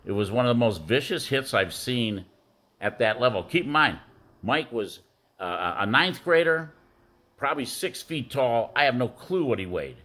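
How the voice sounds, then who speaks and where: A man's voice: mid-range voice, animated, moderate pace, pushed and bright. A middle-aged man, a former youth football coach, giving a rambling birthday tribute full of fillers and war stories. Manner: rambling storytelling with many fillers.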